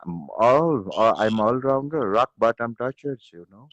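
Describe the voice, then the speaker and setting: A middle-aged man from Nepal, a guest speaking halting over a phone video call. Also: medium pitch, animated, a bit bright, no echo. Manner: slow, halting non-native English with repeated "yeah" and "you know". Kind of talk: casual video call chat. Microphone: phone without earphones. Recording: dull lo-fi video call audio.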